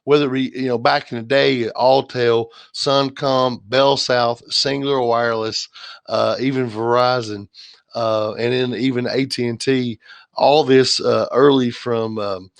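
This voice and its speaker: A man's voice: medium pitch, steady tone, measured pace, vocal fry, no room sound. A man hosting a livestream, talking casually and rambling, with lots of fillers and restarts. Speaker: livestream host. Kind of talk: casual chat.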